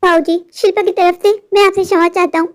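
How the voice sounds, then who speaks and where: A woman plays an earnest young husband in a cartoon story. His voice is very high and fast, and he pleads and lectures as a devoted son. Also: level tone. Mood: pleading.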